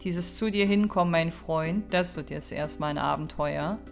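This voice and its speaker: A woman's voice: low voice, moderate pace, vocal fry, soft background music. A woman hosting a let's play, chatting casually and reacting to the game with mock exasperation. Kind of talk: casual gameplay commentary.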